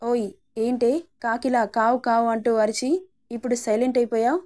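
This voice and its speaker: A bold young man in a spoken love story, cocky and mocking as he teases, voiced by a woman reader. The tone is mellow and dark, a little high for a man. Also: level tone, normal speed, close to an everyday voice. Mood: teasing. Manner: mocking, teasing.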